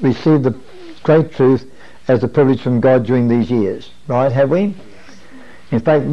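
A man in his fifties delivers a sermon as a podium speech, earnest and measured, often posing questions to make his point. His pitch sits in the middle range, and the sound is dull, like old lo-fi videotape. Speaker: preacher. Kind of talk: sermon as podium speech, teaching at a camp meeting. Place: small wood-panelled room, standing at a desk. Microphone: lapel or pocket-clipped microphone. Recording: muffled lo-fi 1980s videotape.

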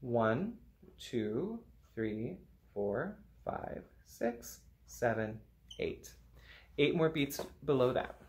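A man's voice: medium pitch, very animated, drawn-out words, darkish tone. A man teaching an online music lesson to children, playful and upbeat, singing rhythm syllables and sometimes whispering.

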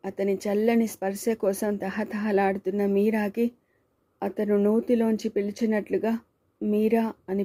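A woman narrates a story aloud with a calm, even delivery. Her voice is very dark and mellow. Her pitch stays flat from line to line. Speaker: audiobook narrator.

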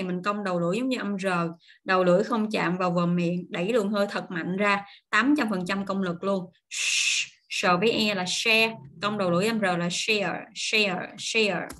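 A Vietnamese woman teaches English pronunciation online, slowly drawing out model words before explaining in quick, chatty asides. Her voice is mid-range with a fairly bright tone.

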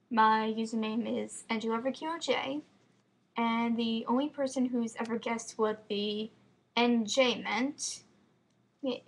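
A Floridian teenage girl with an American accent and slight lisp vlogs as a fan from home, using her computer's built-in webcam mic in a room with bookshelves. Her fairly high, slightly bright voice comes across unhurried overall, yet her chat is quick and rambling, full of fillers. It's a casual indoor webcam vlog.

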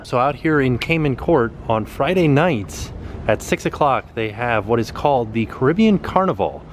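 A man's voice: mid-range voice, slight background noise. A man in his thirties casually narrating a walking tour of a hotel, filmed on a handheld camera at arm's length. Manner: casual, upbeat pointing-out of sights. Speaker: vlog host. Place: hotel halls and outdoor pool areas.

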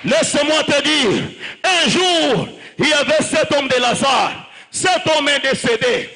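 A man preaching a fervent sermon, shouting and stretching phrases as he calls on the congregation to repeat after him. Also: very high voice, animated, a little slow, some chatter behind. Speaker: pastor. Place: church during a live service.

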